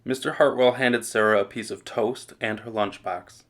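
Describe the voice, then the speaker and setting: A man narrating a children's picture book in an expressive read-aloud style. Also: on the low side, moderate pace. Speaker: storybook reader.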